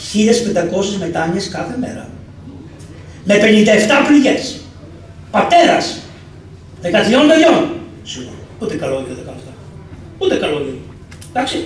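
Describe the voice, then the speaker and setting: Guy preaching at a church event, high voice, heard from far off in a big echoey hall. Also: slight background noise. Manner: animated, acts out dialogue in the story. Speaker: speaker at a church gathering. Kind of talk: storytelling sermon.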